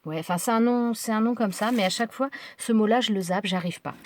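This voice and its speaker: A woman's voice: on the high side, fast, a little mellow. A woman with a French accent chatting casually while unboxing crafts, hesitant with many fillers and restarts. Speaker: crafting vlogger.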